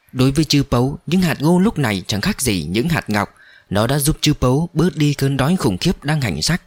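A man narrating an audiobook story in an expressive, dramatic reading. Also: medium pitch, no echo.

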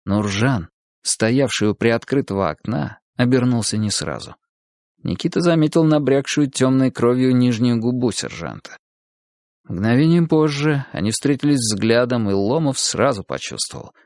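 Male audiobook narrator, measured, mid-pitched, dry and close. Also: animated, darkish tone, no room sound. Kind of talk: scripted narration.

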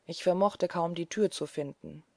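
A woman reading a classic novel aloud as an audiobook narrator, calm and even. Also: fairly low pitch, normal speed, creaky, no room sound.

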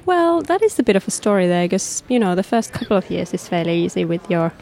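A woman from Finland, a filmmaker guest in a casual interview, answering with dry, deadpan humor. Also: medium pitch, fast, gravelly.

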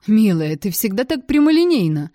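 A woman reading an audiobook, voicing a smooth-talking middle-aged male casino owner who is genial and flattering. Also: mid-range voice, normal speed, no room sound, clean studio sound, voice pushed up, close to an everyday voice.

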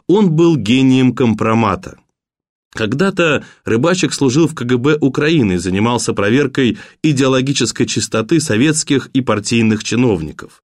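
A man reading an audiobook in a steady, even manner, at a mid pitch. The recording is dry and close, with no room sound. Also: no echo. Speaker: audiobook narrator. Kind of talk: audiobook narration.

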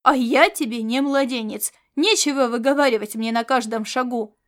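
A woman's voice: fairly high pitch, normal speed, close to an everyday voice. A woman reading an audiobook and voicing a hot-tempered male space mercenary who argues back defensively. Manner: indignant, defensive, yelling back. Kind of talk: audiobook character voice.

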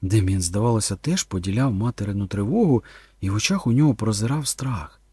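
A man reading a dramatic audiobook, with tense narration that drops low and slow in the dark passages. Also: animated, husky, no echo, studio quality.

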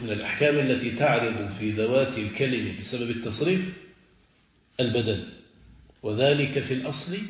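A man, a sheikh, teaching a classical Arabic grammar lesson. He stretches example words slowly and keeps asking his students whether they follow. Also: medium pitch. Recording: echoey, dull lo-fi room recording.

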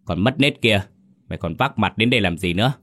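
A cruel, harsh noblewoman in a spoken horror tale, screeching insults at a servant's mother, put on by a man with a deep voice. The voice jumps up sharply on its loudest outbursts. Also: animated, brisk. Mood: furious scolding. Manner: scolding, spitting insults. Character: harsh middle-aged noblewoman, cruel and shrill.

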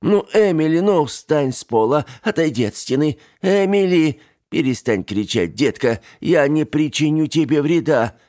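A man reading an audiobook voices a fussy elderly aunt with a fierce temper, shrill and scolding. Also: moderate pace, darkish tone, no room sound, clean studio sound, close to an everyday voice. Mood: pleading.

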